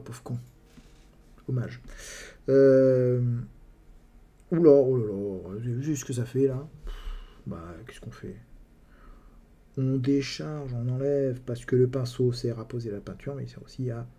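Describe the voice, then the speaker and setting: A man's voice: mid-range voice, warm tone, slightly rough. A man giving a casual live miniature painting tutorial. He jokes, swears freely and talks to his viewers while he paints, often trailing off mid-sentence. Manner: joking, chatty, swears freely.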